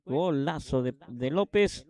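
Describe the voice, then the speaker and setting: A Paraguayan man provides live analysis of a football match. He is the co-commentator, with a voice a touch higher than average. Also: expressive, takes it slowly, darkish tone.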